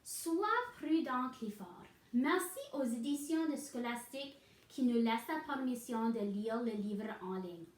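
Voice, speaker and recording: Slow, high-voiced woman reading a storybook. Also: darkish tone, echoey room. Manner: pauses to explain the story. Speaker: reader. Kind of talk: reading a picture book aloud to children.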